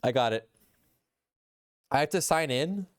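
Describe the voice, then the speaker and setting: A man's voice: on the high side, animated, measured pace. A man streaming live, chatting casually with his chat in a rambling way and reading posts aloud.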